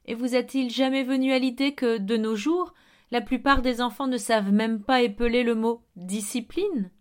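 Woman voicing a gruff, bossy man. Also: on the high side, normal speed, lightly acted. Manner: barking, excitable, bossy. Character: blustering, gruff middle-aged man in a wheelchair. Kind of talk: audiobook character reading.

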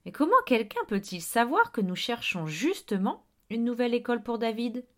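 A woman reading an audiobook, voicing a blustering middle-aged man in a wheelchair who barks and gets excited. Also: fairly high pitch, normal speed. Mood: gruff. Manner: barking, excitable, bossy.

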